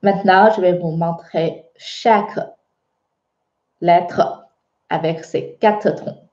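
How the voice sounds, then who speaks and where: A woman's voice: on the low side, fairly even intonation, takes it slowly, mellow. A woman with a Chinese accent teaching a beginner language lesson, patient and checking in with her students often. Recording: muffled, echoey room.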